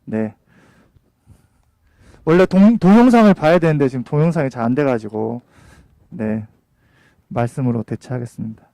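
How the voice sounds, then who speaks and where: Mellow-voiced man moderating haltingly. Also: medium pitch, no room sound. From South Korea. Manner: halting, with self-corrections. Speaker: event moderator. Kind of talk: introducing a speaker at an event.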